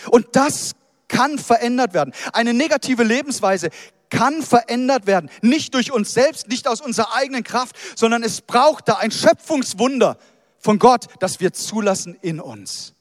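A man preaching a sermon as pastor, animated, acting out people's inner voices as he goes. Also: very high voice, moderate pace, no room sound, clean studio sound, big-room sound.

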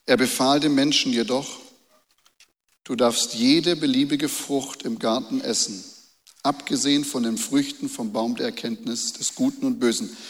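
A man's voice: mid-range voice, fairly even intonation, moderate pace, big-room sound. A man preaching a sermon and reading Bible verses, repeating key phrases and asking the listeners rhetorical questions. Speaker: pastor.

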